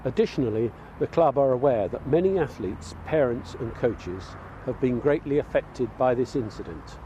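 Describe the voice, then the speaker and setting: A man, a sports club chairman, reading a solemn, measured statement outdoors. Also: mid-range voice, dark tone, dull audio, a little hiss or hum. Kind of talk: formal statement.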